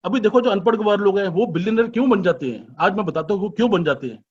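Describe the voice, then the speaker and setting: A man giving a business presentation as an informal sales pitch, chatty and persuasive, full of rhetorical questions and teasing asides. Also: lively intonation, fast talker, breathy edge. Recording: dull lo-fi recording.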